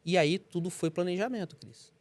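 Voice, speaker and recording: A man's voice: high voice, moderate pace. A man telling his story on a podcast, enthusiastic and repeating phrases for emphasis. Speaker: podcast host. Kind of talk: casual podcast chat.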